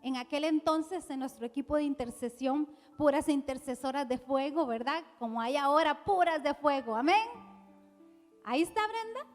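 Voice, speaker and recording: A Costa Rican woman pastor delivers an impassioned sermon in a very high voice. Her words ring out in a reverberant church hall, with soft worship music playing behind her. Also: moderate pace. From Costa Rica. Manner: impassioned, swelling from soft to loud preaching.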